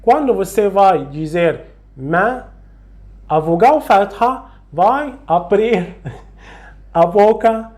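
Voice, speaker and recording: Slow, patient recitation teacher. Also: mid-range voice, animated, a little mellow. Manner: slow, patient, repeats sounds and words to demonstrate. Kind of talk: slow tutorial on Quranic recitation rules.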